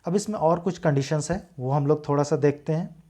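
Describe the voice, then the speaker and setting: A man teaching a lesson from slides, explaining carefully, repeating key words and reading English lines slowly with heavy stress. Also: fairly high pitch, warm tone.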